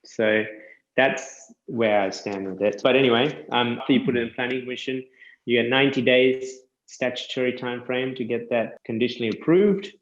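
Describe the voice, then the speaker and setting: A man who works as a land surveyor, chatting casually and explaining things step by step with quick self-corrections. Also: mid-range voice, reverberant, dull audio. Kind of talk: casual podcast chat.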